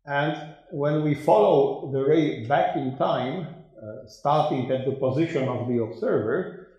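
Older male lecturer, slow and halting, mellow voice, very echoey lecture hall. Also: fairly high pitch, lo-fi sound. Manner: slow and hesitant, many fillers and restarts. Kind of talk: academic conference lecture. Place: dark lecture room with a projector. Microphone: room microphone.

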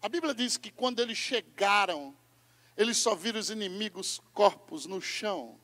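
A Brazilian man preaching a sermon as pastor, moving from hushed asides to loud shouting. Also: high-pitched, animated, moderate pace, in a large hall. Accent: Brazilian Portuguese.

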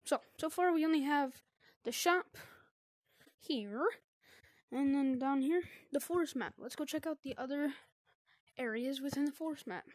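High-voiced excitable woman gaming. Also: moderate pace, dry recording, clean studio sound. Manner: upbeat, slangy, excitable. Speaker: gaming video creator. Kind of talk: casual gameplay commentary.

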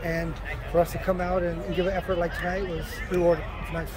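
Crowd noise fills the background as a high-voiced soccer coach, a man, responds to reporters outside the stadium after the game. He talks at a quick pace in a level tone, casually repeating himself and dropping frequent "you know"s.

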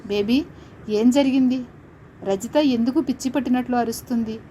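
A woman's voice: fairly high pitch, moderate pace, warm tone, slight background noise, close to an everyday voice, low-quality recording. A woman playing a sarcastic middle-aged mother-in-law. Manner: sarcastic, impatient.

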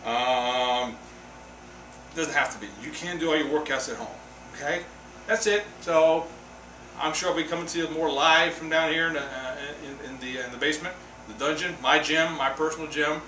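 A man's voice: a little high, moderate pace, bright, forceful tone, far from the mic, a little hiss or hum. A middle-aged man giving a casual, rambling tour of his basement home gym, moving around the room as he talks. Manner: chatty, rambling, moves around the room while talking. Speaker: fitness vlogger. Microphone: camera mic from across the room. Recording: echoey basement, voice from off mic.

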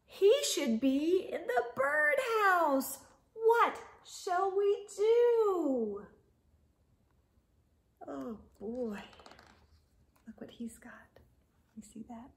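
This children's storytime host, a middle-aged woman, reads a picture book aloud slowly, as though for very small listeners, in a living room or home library full of bookshelves. Her high voice swoops up and down expressively, and she adds animal sounds and hushed side comments.

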